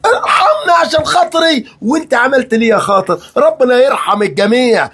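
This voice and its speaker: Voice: high-pitched, very animated, brisk, a bit bright, slightly rough, exaggerated voice. A performer playing a cruel middle-aged father-in-law in a comedy sketch, with an Egyptian accent and a mocking, threatening manner. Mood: ranting. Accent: Egyptian Arabic. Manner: barking threats, mocking repeats, rambling rants.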